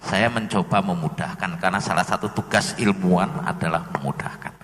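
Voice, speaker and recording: A man giving an animated seminar talk as a researcher, explaining with lively examples. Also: sits low, brisk, a little hiss or hum. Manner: animated, switches into playful dialect role-play. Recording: echoey hall from a distance.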